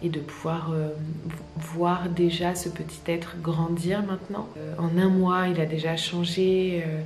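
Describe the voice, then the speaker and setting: A young woman chatting casually to her viewers in a soft-spoken, hesitant and reflective way. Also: lowish voice, little pitch movement, a little slow. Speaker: vlogger and ASMR creator. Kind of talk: casual personal vlog, talking to viewers. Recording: roomy, echoey sound with faint music.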